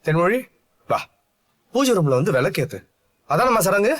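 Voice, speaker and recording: Brief: actor playing a soft-spoken groom in a dubbed serial, slightly raised pitch, lively and coaxing. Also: male voice, moderate pace. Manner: gentle, coaxing, explanatory. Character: gentle young man guiding his bride through a ritual.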